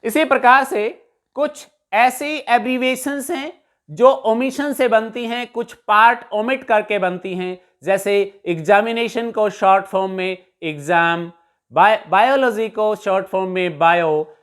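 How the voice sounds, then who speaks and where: A woman's voice: medium pitch, measured pace. A woman teacher with an Indian accent giving a classroom lesson in a Hindi and English mix, patiently explaining each example step by step and restating terms.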